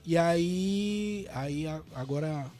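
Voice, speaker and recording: A Brazilian man guest recounting his own story in a radio studio, animated and repetitive. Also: on the high side, takes it slowly, faint music behind. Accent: Brazilian Portuguese.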